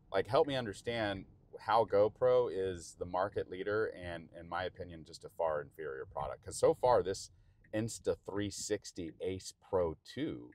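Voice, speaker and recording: A man's voice: sits low, a little mellow. A man with a Texan accent giving rambling, chatty commentary while driving a car in the rain, recorded on an action camera mounted inside. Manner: chatty, rambling, self-interrupting. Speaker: vlogger.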